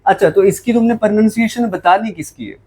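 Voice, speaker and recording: High-voiced man teaching English vocabulary. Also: a little fast, dark tone, breathy edge, low-quality recording. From Jammu, India. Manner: explains in Hindi mixed with English, asks and answers his own questions. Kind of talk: classroom lecture.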